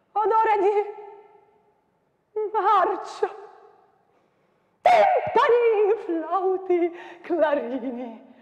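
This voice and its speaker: A woman lecturing on sound poetry, then performing it aloud with shouted sound words and laughter. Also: high-pitched, muffled recording. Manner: explains softly, then recites with shouts, onomatopoeia and laughter. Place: large university lecture hall. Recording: echoey hall reverb.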